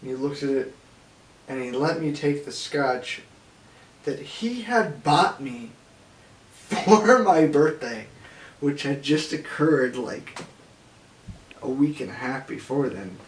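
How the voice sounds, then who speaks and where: A young man recounting a story in loose, profane, unhurried talk that keeps breaking into laughter. He sits well back from the mic in an echoey room, with a faint hiss underneath. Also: a little high, lively intonation, distant mic. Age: young adult. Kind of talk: casual storytelling interview.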